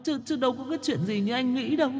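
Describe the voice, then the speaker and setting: A man's voice: quick pace, in a large hall. A man voicing a tearful young wife who stammers as she pleads with her husband. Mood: pleading sobs. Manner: sobbing, stammering falsetto plea.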